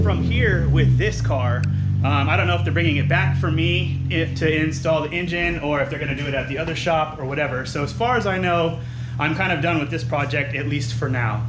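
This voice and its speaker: Man, slightly high voice, relaxed rambling car vlog talk, outdoors, camera mic. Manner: relaxed, rambling, filler-heavy. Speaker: car project vlogger. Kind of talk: casual talk-through while wrenching. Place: outdoor yard at home beside a car.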